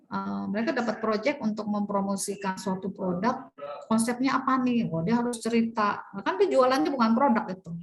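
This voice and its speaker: A middle-aged woman lecturing a university class, reading English slide points slowly and then explaining them in lively, conversational talk. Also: a little high, soft background music, poor audio. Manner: animated, reads English slides slowly then explains, acts out students' replies.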